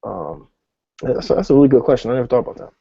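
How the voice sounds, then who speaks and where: A man from New Jersey co-hosting a panel discussion, animated and full of fillers and restarts. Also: medium pitch, fast, gravelly, slightly rough, no room sound. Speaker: podcast co-host. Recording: dull, lo-fi audio.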